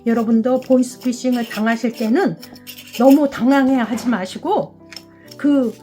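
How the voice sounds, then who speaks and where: Middle-aged woman host, high voice, casual calm chat over soft music, acts out dialogue. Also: a little slow. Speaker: succulent channel host. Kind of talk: casual storytelling while repotting plants.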